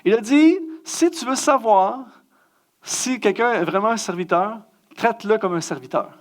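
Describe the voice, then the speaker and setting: A middle-aged man with a Quebec French accent giving a self-mocking, story-driven sermon as a guest speaker and musician. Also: moderate pace. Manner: animated, self-mocking, acts out scenes with big pitch jumps.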